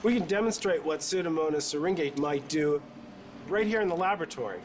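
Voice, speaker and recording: A male scientist explaining things in a measured, precise way for a nature documentary. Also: a little high, animated. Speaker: scientist expert. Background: music under the voice.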